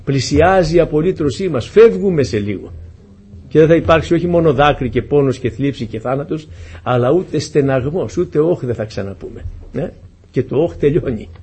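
A man's voice: medium pitch, dark tone, breathy edge. A man preaching a sermon to his congregation, earnest and pleading, often asking them questions.

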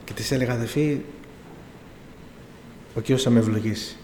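With a steady, darkish, mid-range voice, a middle-aged preacher shares his own testimony, quoting dialogue and pressing his points with pleading emphasis. Faint room noise and echo from the hall come through.

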